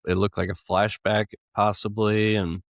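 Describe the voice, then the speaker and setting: A man's voice: on the low side, level tone, moderate pace, vocal fry, no room sound, clean studio sound. A young man co-hosting a casual gaming podcast, rambling through his thoughts and laughing now and then. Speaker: podcast co-host.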